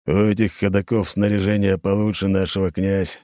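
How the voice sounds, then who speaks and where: A man's voice: low-pitched, flat delivery, mellow, no room sound, clean studio sound, close to an everyday voice. A man doing a grumbling old guard captain. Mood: grudging. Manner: slow, grudging, plain-spoken. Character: grumbling older male guard captain, reluctant.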